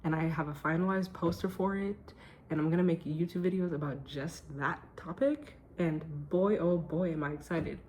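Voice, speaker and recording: A woman's voice: sits low, moderate pace, a little mellow, slight background noise. A woman vlogging to camera at home at night, talking casually about her day and her well-being research in an emphatic, self-joking way. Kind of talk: casual chatty vlog.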